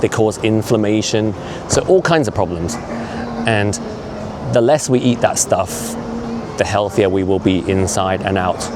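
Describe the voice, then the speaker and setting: Walking outdoors along a city street, a vlogger in his fifties delivers a casual monologue in a low, unhurried voice. His tone is earnest and opinionated, and he keeps drifting into conversational asides. The traffic and street noise around him are clearly audible.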